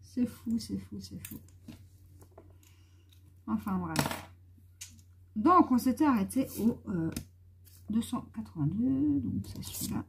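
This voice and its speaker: A woman's voice: on the high side, lively intonation, a little slow, vocal fry, pauses often, slight background noise. A woman chatting casually in a haul vlog, thinking aloud as she tests colors and talking familiarly to her viewers. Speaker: YouTuber presenting art markers.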